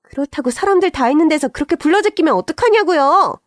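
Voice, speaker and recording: A snobbish young doctor sister-in-law, as a woman puts her on, snapping in a high, sharp and condescending voice. She sounds indignant and looks down on her listener. The read is dry and close, with no room sound. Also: very animated, brisk, no room sound. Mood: indignant scolding. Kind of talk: dramatized radio story acting.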